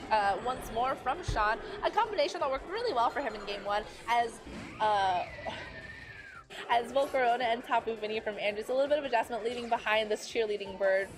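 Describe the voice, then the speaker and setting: A woman giving live play-by-play commentary on a competitive game, chatty and full of fillers, tired and losing her voice. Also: mid-range voice. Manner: chatty, filler-heavy, quick self-corrections. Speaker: esports commentator.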